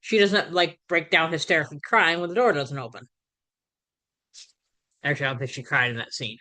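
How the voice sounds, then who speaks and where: A woman hosting a podcast, casually recapping a sitcom episode in a conversational way, with fillers and quick self-corrections. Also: deep voice, bright, forceful tone. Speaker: podcast host.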